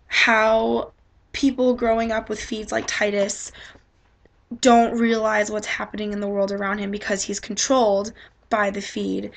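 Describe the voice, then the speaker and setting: A woman with a fairly high voice reads a novel passage aloud. Her voice carries a gravelly vocal fry. The reading is plain and unhurried, and she shifts easily into relaxed comments on what she read. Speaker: student reader.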